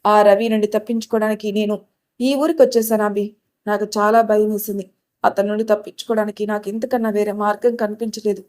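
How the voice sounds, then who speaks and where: A woman's voice: mid-range voice, level tone, fairly quick, a little mellow, lightly acted. A woman voicing a frightened young bride-to-be who pleads through her story. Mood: fearful.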